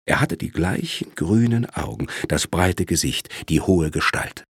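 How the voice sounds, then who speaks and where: Deep, husky crime story narrator. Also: male voice, expressive, unhurried, no echo, studio quality.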